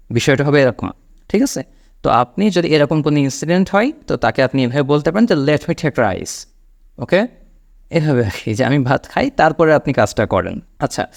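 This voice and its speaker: Man, Bengali accent, patient English teacher, slows down for example phrases. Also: fairly high pitch. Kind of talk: spoken English lesson.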